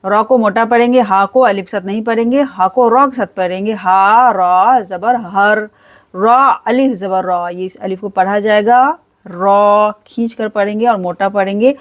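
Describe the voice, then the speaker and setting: A woman walks through Quran recitation one step at a time, first spelling out the letters and then reciting every word in a slow, drawn-out way. Her pitch sits in the middle range.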